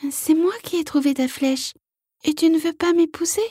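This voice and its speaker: Woman voicing a tiny soft-spoken frog princess. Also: extremely high pitch, steady tone, normal speed, dry recording, clean studio sound, voice pushed up. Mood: tender. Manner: soft, small voice. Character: small gentle female frog princess, sweet.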